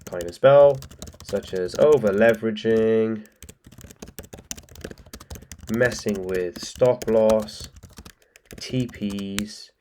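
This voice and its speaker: A man's voice: lowish voice, drawn-out words, pauses often, mellow, a little hiss or hum. A blunt, fired-up man lectures his viewers on trading, peppering his talk with swearing and "bro". His voice is a little stuffy from allergies, and a keyboard clicks now and then behind him. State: congested with allergies. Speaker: trading coach. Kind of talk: casual motivational talk to camera.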